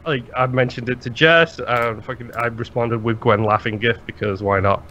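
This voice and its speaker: A man co-hosting a podcast in casual chat, rambling and animated, swearing freely. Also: mid-range voice, normal speed, slight background noise. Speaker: podcast co-host. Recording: slightly dull lo-fi sound.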